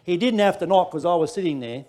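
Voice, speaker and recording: A middle-aged Australian man preaching from the pulpit, telling a personal story. His voice sits high and swings widely, dropping to near-whispers and rising to bursts, with laughter running through his lines. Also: lively intonation, quick pace, darkish tone. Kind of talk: sermon testimony.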